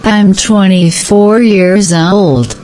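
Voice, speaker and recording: A woman giving slow, scripted answers in a repeated language-practice dialogue. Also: mid-range voice, darkish tone, slight background noise, poor audio.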